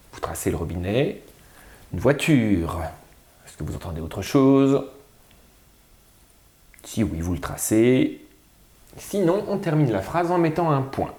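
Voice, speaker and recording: A man teaching a spelling lesson, sounding out syllables slowly and carefully. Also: medium pitch, darkish tone, echoey room. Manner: slow, drawn-out, sounding out syllables.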